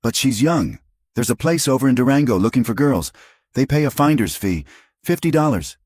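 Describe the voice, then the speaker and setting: A man voicing a rough, menacing stranger in a western audiobook, cold and threatening. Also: mid-range voice, expressive, normal speed, darkish tone, no room sound, clean studio sound, voice pushed up, natural voice.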